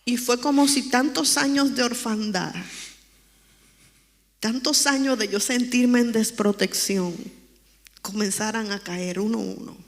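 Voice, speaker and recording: A woman's voice: fairly high pitch, a little slow, in a large hall. A woman giving an earnest, emotional personal testimony during a church interview. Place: church sanctuary.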